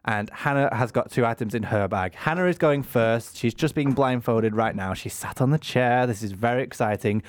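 A man's voice: medium pitch, normal speed, few pauses. Man hosting a podcast, natural unscripted talk. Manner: repeats himself while organising the group. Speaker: podcast host.

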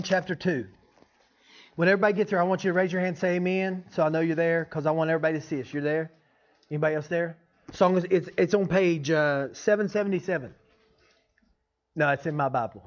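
A man's voice: on the high side, fast talker. A man giving an informal, folksy teaching sermon as a preacher, often checking in with his listeners. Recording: dull, lo-fi sound.

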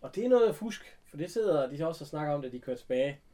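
A man chatting casually, retelling an episode with animated bits of acted dialogue. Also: fairly high pitch. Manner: animated retelling, acting out characters' lines. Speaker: recapping a TV episode. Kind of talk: casual chat.

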